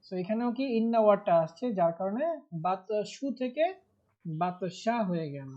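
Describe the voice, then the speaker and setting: A man's voice: high voice, animated, fast. A man teaching Arabic grammar in a live online class, explaining patiently and stressing key words. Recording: muffled online class audio.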